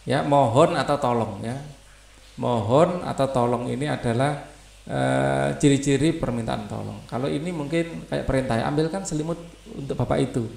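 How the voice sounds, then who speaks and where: A man's voice: mid-range voice, normal speed, gravelly, darkish tone, echoey room. A male teacher, reading textbook passages aloud and explaining them in loose asides.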